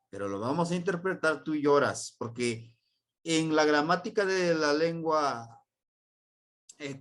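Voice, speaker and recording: A man with a Mexican Spanish accent teaching a language class, repeating words slowly and quizzing his students. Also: fairly high pitch. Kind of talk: classroom grammar lesson.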